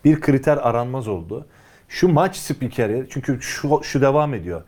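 A man's voice: medium pitch, animated, moderate pace, darkish tone. A man chatting casually and emphatically as a sports show panelist, often joking as he gives opinions.

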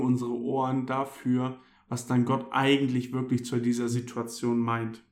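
A man's voice: medium pitch, darkish tone, echoey room. A young man with a German accent giving a casual youth sermon, talking to listeners directly and often calling out "hey". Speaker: youth pastor.

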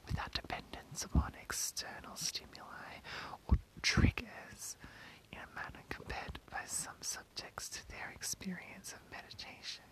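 An ASMR host speaking entirely in a breathy whisper, reading an article aloud and adding informal, rambling asides. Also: unhurried, a bit bright, rough recording. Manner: informal, rambling, self-commenting.

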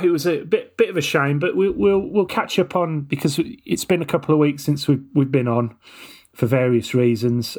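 A man's voice: mid-range voice, a little mellow. A man hosting a football podcast in a casual, conversational style. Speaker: podcast host.

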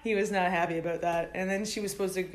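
A woman's voice: on the low side, fairly even intonation, very fast, crowd noise. A woman in casual podcast chat, blunt and swearing freely as she retells gossip.

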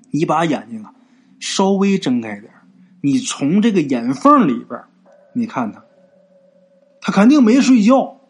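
A male storyteller voicing a blunt old Taoist priest who gives low, repeated warnings. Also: breathy edge, heavily acted.

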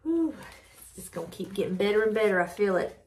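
A woman's voice: mid-range voice, lively intonation, a little fast. A woman reading Bible verses aloud reverently, with fervent bursts of praise, in a devotional testimony. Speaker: devotional video host.

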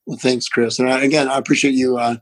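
A man's voice: medium pitch, flat delivery, fast, no room sound. A middle-aged man with an Appalachian accent, a doctor answering interview questions conversationally. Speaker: pain physician, interview guest.

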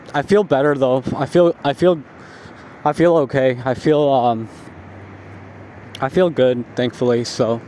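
A man who is high and tired, talking in a laid-back, rambling stoner drawl, like a casual spoken diary. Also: a little mellow. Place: outdoors, walking along a residential street at night. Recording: outdoor street noise with passing cars.

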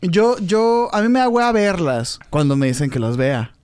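A man's voice: sits high, very animated, normal speed, darkish tone, smooth. A young man with a Mexican Spanish accent, co-hosting a podcast and teasing his friend in slangy, casual talk. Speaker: podcast co-host. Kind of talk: casual chat.

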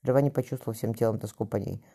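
A man's voice: fairly even intonation, racing, mellow. A man narrating a romance novel as an audiobook reader, voicing both lovers' dialogue himself. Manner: voices both lovers in dialogue with raised pitch.

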